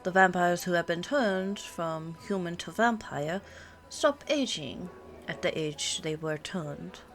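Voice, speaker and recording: In a lowish voice, a woman takes on the role of a worldly, teasing pure-blood vampire girlfriend who is ageless but appears twenty-nine, patiently explaining during an intimate, one-sided ASMR roleplay. She lingers, musing and humming before replying, with soft music and cafe ambience in the background.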